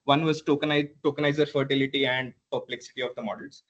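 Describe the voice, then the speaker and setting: A man presenting a PhD thesis defense in a halting, hedging academic way, often repeating words and clearing his throat. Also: medium pitch, steady tone, highs cut off. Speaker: PhD candidate.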